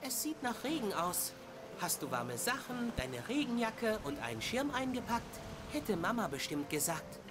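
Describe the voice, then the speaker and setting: An actor as a lively, wide-eyed young boy. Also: medium pitch, normal speed, music in the background, close to an everyday voice. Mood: curious. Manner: innocent, wondering. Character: polite, earnest young boy, curious magician's apprentice. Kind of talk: storybook adventure game voice acting.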